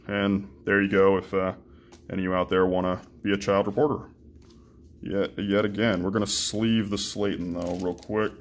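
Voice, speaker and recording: A young man casually chatting and swearing as he opens trading card packs, with lots of ums and restarts. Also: fairly low pitch. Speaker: card-breaking channel host. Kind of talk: casual card-opening commentary.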